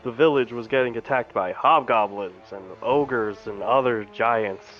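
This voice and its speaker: A man's voice: medium pitch, a little slow. A casual, profane man running a tabletop game. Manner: casual, profane, laughs mid-sentence. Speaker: game master. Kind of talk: recapping and narrating a tabletop game. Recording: dull lo-fi audio, faint music.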